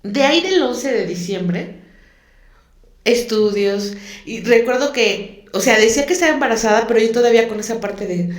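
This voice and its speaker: A woman's voice: a little high, animated, moderate pace. A woman, a guest telling a personal story in an interview, emotional and repeating words for emphasis. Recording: echoey room.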